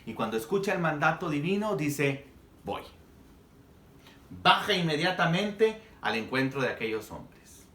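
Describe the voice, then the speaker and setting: A man's voice: on the high side, sing-song, measured pace, a bit bright, roomy sound. A man preaching a sermon as a pastor, telling the story dramatically and acting out the quoted dialogue.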